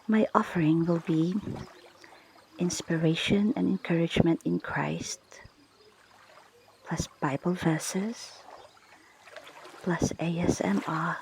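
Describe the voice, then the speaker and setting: In a whispered ASMR session of guided prayer and scripture, a woman speaks in a lowish, hushed, breathy voice, slow and deliberate. Ocean water sounds fill the background, and there's a little hiss or hum.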